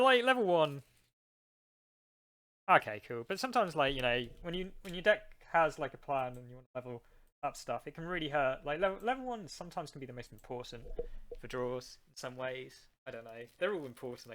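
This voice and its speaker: A man's voice: mid-range voice, lively intonation, moderate pace, pauses often, fairly bright tone. A man streaming a card game live, chatting casually with his viewers and rambling between plays.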